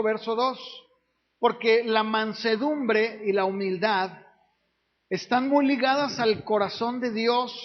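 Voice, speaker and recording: A man, a pastor preaching a sermon in a conversational way, often asking the congregation questions. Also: extremely high pitch. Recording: dull lo-fi recording.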